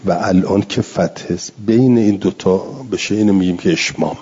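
Lecturing on Quran readings, a man teaches recitation with a dark, deep, husky voice. His explanations are slow, and he lengthens Arabic words to model pronunciation, all captured on a dull lo-fi recording.

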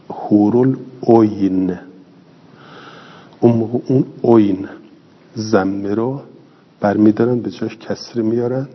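Low husky man lecturing in a hall. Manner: explains step by step, asks and answers his own questions. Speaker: teacher. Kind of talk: classroom lecture. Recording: dull lo-fi recording in a reverberant hall.

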